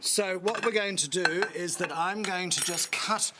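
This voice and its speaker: A man's voice: high-pitched, unhurried, heavy background noise. A man with a New Zealand accent demonstrating a recipe on a cooking show, chatty and instructive with joking asides.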